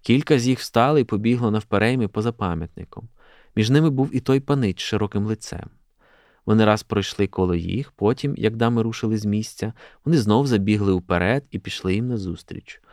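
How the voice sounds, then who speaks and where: A man, a journalist, reading a classic prose excerpt aloud in a steady, measured way. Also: fairly low pitch, dry recording, clean studio sound.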